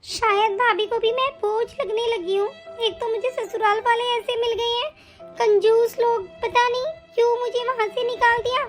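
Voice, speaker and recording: A woman voicing a young new mother in an animated story, pleading and defending herself. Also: very high-pitched, normal speed, faint music behind. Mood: sad.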